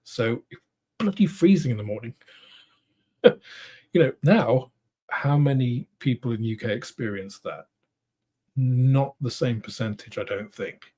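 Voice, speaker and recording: A middle-aged British man hosts a casual model-making livestream from his home studio, answering viewers in a rambling, thoughtful way with many pauses and restarts. His medium-pitched voice is mellow and slightly rough.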